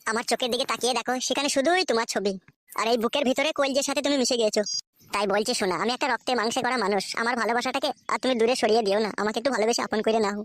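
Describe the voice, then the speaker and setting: A woman's voice: a little high, racing, no room sound, voice pushed down, natural voice. A woman voicing a sweet-talking, lewd young man from a village in a cartoon, wooing in a syrupy, flowery way. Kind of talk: cartoon voice acting.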